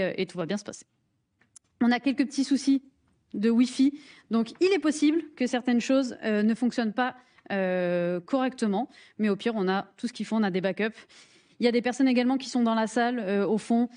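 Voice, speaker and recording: A woman's voice: on the high side, darkish tone. Chatty French woman presenting a workshop. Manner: friendly, joking, with frequent fillers and restarts. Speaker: presenter leading a hands-on workshop. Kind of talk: live conference presentation. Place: conference room.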